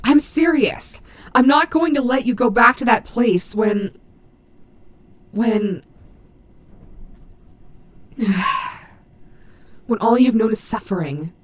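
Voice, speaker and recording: A woman voicing a gruff but maternal animatronic wolf in an audio roleplay, fiercely protective, with halting, earnest, emphatic delivery. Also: a little high. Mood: fiercely determined. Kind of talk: dramatic audio roleplay addressed to the listener.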